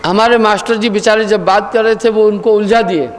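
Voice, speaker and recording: A man giving a spiritual discourse, earnest and questioning, sometimes chanting verses slowly. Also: high-pitched, fairly even intonation. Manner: sings verses in slow chant. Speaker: spiritual teacher. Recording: long hall reverb.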